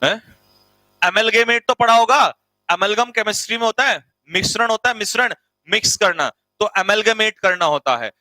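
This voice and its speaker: A man runs a Hindi vocabulary class in a high, pushed, bright voice at a moderate pace. Jokey and teasing, he calls the students beta and bhai and repeats meanings so they can write them down. The sound is poor, with no room sound.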